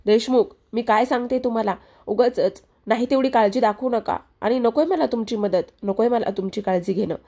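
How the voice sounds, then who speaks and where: A woman's voice: fairly high pitch, moderate pace, gravelly, dark tone. A woman voicing an ill young wife who insists she is fine and pushes her husband to go to work. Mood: angry. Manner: insistent, scolding, then apologetic. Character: young wife, ill with fever, stubborn and proud.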